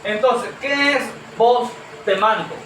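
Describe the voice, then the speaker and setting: A man's voice: very high-pitched, slow pace, sharp tone, slight background noise. A man preaching a sermon to a congregation, earnest and questioning, calling them brother. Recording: echoey room from far off.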